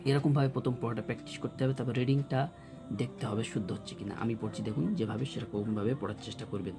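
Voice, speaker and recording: A man teaching Quran reading, drilling Arabic letters slowly with many repetitions. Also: on the low side, steady tone, over music. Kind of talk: slow recitation lesson.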